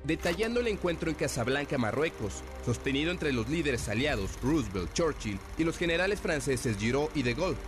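Old newsreel announcer, lively man. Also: on the high side, a little fast, few pauses. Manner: formal announcing. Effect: archival old newsreel sound. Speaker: newsreel narrator. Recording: distant archive clip with loud music.

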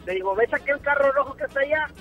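Caller: man, high voice, relaxed and plain-spoken, heard over a landline phone. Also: fast talker, phone-quality sound, faint music behind. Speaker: radio call-in listener. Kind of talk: casual joke telling.

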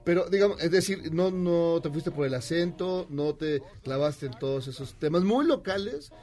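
A man hosting a casual interview chat, asking questions in halting, searching phrases with restarts. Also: a little high, lively intonation, darkish tone, faint music behind. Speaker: show host.

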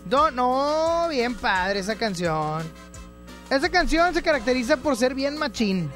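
A man hosts a radio call-in show with a high, bouncy voice that leaps around as he chats. He jokes and laughs with callers in a loose, casual way, with faint music underneath. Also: sing-song, measured pace. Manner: playful, joking, laughs often. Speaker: radio host taking call-ins.

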